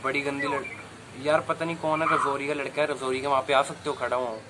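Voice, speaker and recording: This noisy amateur outdoor clip, captured on a camera mic, features a young adult vlogger chatting casually during prank calls. He talks fast in a flat, mid-range voice.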